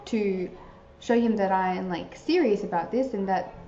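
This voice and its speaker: An earnest young woman vlogger, talking in a mid-range voice at normal speed, gives casual advice to new converts straight to camera. Her chatty delivery is full of filler "likes," and her voice sounds mellow and roomy. The recording has a roomy, slightly dull quality with a little background noise.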